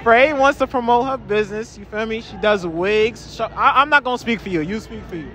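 A man running a playful street interview at night, holding his phone out as a mic. His voice sits fairly high for a man, and he keeps laughing and echoing people's answers back to them. A thick crowd buzzes all around him. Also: a little fast. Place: busy city square at night, outdoors. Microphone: phone held to speaker. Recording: loud crowd noise around.

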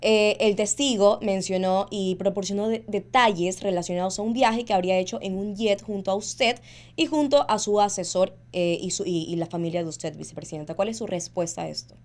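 A woman's voice: mid-range voice, a little fast, darkish tone. Hesitant young woman interviewer. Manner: hesitant, many fillers and restarts. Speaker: interviewer, news presenter. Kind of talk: news interview questions. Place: red studio set.

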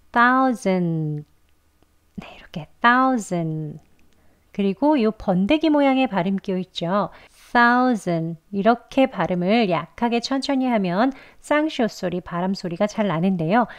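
A woman teaching English pronunciation in a lesson, patiently explaining and slowing down to model words for learners to repeat. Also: mid-range voice, a little mellow.

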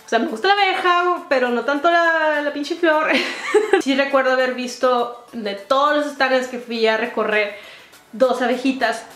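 A young woman with a Mexican accent, telling a casual storytime vlog in a lively, slangy way, laughing and acting out quotes. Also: high-pitched, a little slow, reverberant, slight background noise. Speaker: vlogger.

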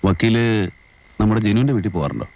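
An actor playing a quiet, gentle man who lodges upstairs and speaks low and calm, in 1980s film style. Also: quick pace, creaky, poor audio. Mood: wistful.

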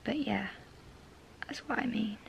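A woman's voice: medium pitch, a little slow, creaky, a little hiss or hum. Young woman vlogging, rambling and repetitive. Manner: rambling, repeats herself, drops to a whisper at times. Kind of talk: casual vlog chat. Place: bedroom at home, indoors. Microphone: handheld camera close to face.

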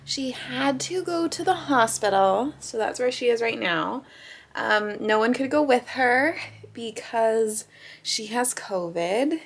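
A young woman vlogs from the rooms of her home, holding the camera at arm's length and chatting in a caring, friendly way. Her voice is fairly high and animated, though she speaks slowly.

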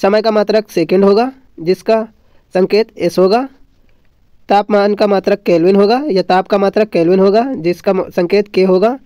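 Teaching an exam lesson from his notes, a man repeats points and poses questions he answers himself. His voice is high yet dark-toned and smooth. The audio is dull lo-fi with roomy echo.

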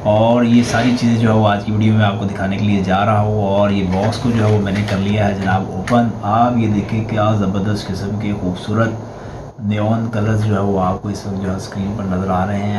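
A man's voice: fairly low pitch, fairly quick. A Pakistani man in his forties with an Urdu accent, hosting a product review vlog in a small room. He talks eagerly and keeps reaching for the same filler phrase. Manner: leans constantly on the filler "jo hai vo"; upbeat and eager when praising the product. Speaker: host, stationery product reviewer. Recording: steady background noise, slightly dull.

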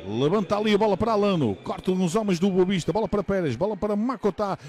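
A middle-aged man with a European Portuguese accent giving fast, dramatic, excitable football commentary into a close mic. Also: sits high. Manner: excitable, drawn-out shouted goal calls. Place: open commentary position in a football stadium. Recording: stadium noise behind the commentary.

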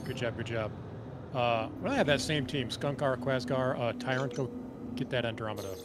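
A man's voice: mid-range voice, normal speed. Man leading a squad over very noisy comms. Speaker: squad leader in a space combat game. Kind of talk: directing teammates over voice chat with radio jargon. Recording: very noisy game voice-chat comms.

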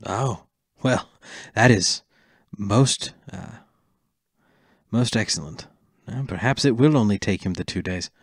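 A man voicing a gentle, earnest elf in a tabletop game, with a soft, slightly camp, formal manner. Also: fairly low pitch, takes it slowly, breathy edge, no echo, clean studio sound, voice pushed down, full character voice. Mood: polite, accommodating. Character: gentle, earnest male elf orchard keeper, formal and measured. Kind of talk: tabletop role-play.

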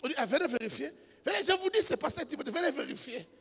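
A man preaching a sermon as a pastor, telling a story quietly and then building up to shouted, half-sung exhortation. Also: extremely high pitch, big pitch swings, fast talker, vocal fry. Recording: reverberant hall with music behind.

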